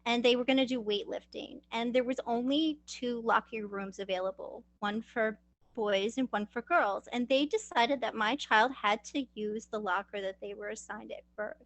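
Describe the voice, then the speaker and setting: A mother telling her story at an advocacy training, emotional and halting, with restarts and pauses. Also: on the high side, dry recording, rough recording. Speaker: parent giving testimony. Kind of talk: personal testimony at an advocacy training.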